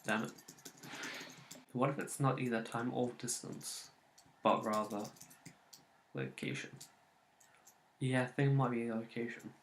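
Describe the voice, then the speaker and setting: A man's voice: mid-range voice, steady tone, moderate pace, long pauses, reverberant, a little hiss or hum. A man commentating casually on a game he is playing, muttering and swearing at his failed attempts. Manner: muttering, swearing at failures, rambling. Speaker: let's play host.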